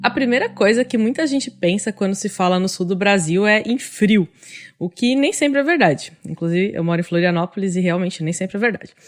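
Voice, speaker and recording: A woman in her thirties from Brazil hosting a podcast, reading her lines in a steady, read-aloud way. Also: medium pitch, brisk. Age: 30s. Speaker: podcast host.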